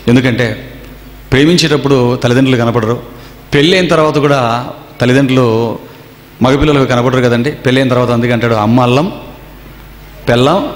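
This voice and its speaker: A man preaching a sermon to a gathering. He tells stories and keeps firing rhetorical questions at his listeners. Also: mid-range voice. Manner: storytelling with rhetorical questions to the audience. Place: seminar hall. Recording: echoey hall with long reverb.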